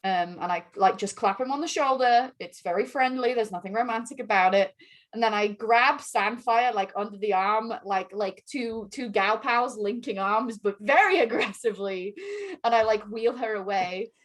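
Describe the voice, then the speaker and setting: A woman player describing her character's actions in a casual tabletop game, animated with chatty asides. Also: mid-range voice, normal speed. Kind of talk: casual tabletop role-play.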